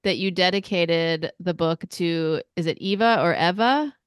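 A woman hosts a podcast and asks her guest questions in a gentle, affirming way. Her voice is smooth and clear and sits a little low for a woman. It is recorded dry and close, with no room sound. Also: measured pace, no room sound. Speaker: podcast host. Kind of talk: interview questions.

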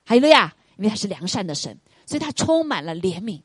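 A woman preaching an earnest, gentle sermon. She keeps asking the congregation rhetorical questions and often tags her points with the English word "right". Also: medium pitch, very animated, quick pace, husky, no room sound, studio quality. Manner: earnest, gentle, pastoral delivery.

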